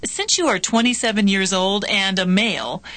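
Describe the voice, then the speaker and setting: A woman reading scripted practice dialogues for a language lesson in a clear, measured way. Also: medium pitch, fairly bright tone, no room sound.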